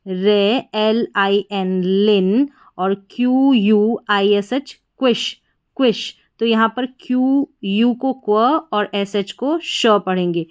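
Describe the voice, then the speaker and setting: Woman teacher, slow and clear, spells words out patiently. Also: mid-range voice. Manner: spells letters slowly, then blends and repeats the word. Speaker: English reading teacher.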